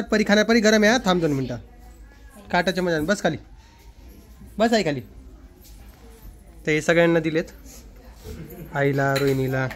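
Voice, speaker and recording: Playful father vlogging from home. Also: high voice. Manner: playful, coaxing with a small child, chatty aside to viewers. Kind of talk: casual home vlog chat. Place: home kitchen, indoors.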